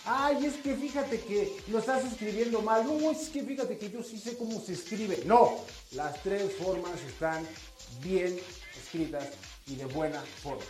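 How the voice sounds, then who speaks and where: A woman of mid pitch chats playfully on a radio show, explaining things and laughing easily. Her voice rings a little in a roomy, echoey studio. She talks in a relaxed, casual way. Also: measured pace, soft background music. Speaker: radio co-host. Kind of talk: casual chat.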